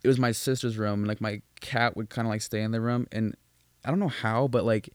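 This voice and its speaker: Steady and lowish, a young man's voice comes through fairly quick, a little mellow and clean, with no echo. He co-hosts a laid-back podcast, spinning profane, meandering stories packed with fillers and false starts.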